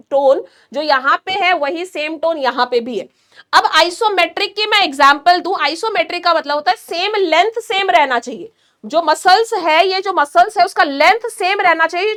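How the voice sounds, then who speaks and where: High-voiced woman teaching nursing. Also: fairly bright tone. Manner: asks the class questions, then answers them herself; explains slowly with hand demonstrations. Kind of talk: online class lecture.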